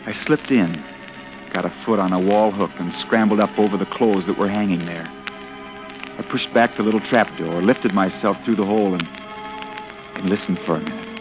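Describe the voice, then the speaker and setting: A deep-voiced hunted man. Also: moderate pace, over music. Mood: dread. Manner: tense inner monologue, often hushed. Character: panicked young man hiding after a killing. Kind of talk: 1940s radio drama narration. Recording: dull old radio broadcast.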